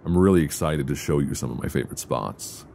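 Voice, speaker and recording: For an intimate ASMR boyfriend roleplay set on a luxury flight, a man plays an affectionate, playful partner with a very deep, gravelly, exaggerated voice and lively intonation. Relaxed and tender, he teases softly and unhurriedly, with hesitant conversational pauses, recorded on a close binaural mic with faint background noise.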